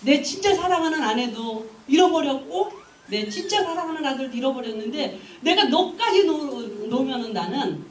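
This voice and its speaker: A woman's voice: sits high, big pitch swings, normal speed, reverberant, distant mic, a little hiss or hum. A woman preacher voicing a grieving, anguished old father who clings to his youngest son.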